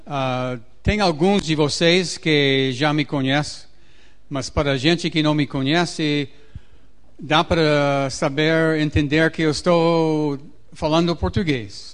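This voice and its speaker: Slow-talking American man lecturing. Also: on the high side. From United States. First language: English. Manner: halting, non-native phrasing, plain-spoken explaining. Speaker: agricultural economist, guest speaker. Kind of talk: public lecture on markets.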